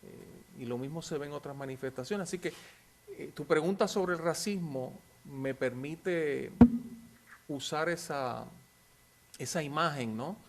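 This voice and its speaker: A man's voice: on the high side, measured pace, noisy background. A man, lecturing informally and answering questions in an anecdotal way, often seeking agreement with short tag questions.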